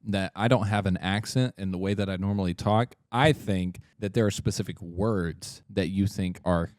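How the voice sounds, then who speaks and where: A man's voice: sits low, moderate pace, darkish tone, no room sound, clean studio sound. A man with a Southern, Kentucky accent chatting casually and teasingly as a podcast co-host. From Southern United States. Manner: playful, teasing. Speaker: podcast co-host and content creator. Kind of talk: casual banter.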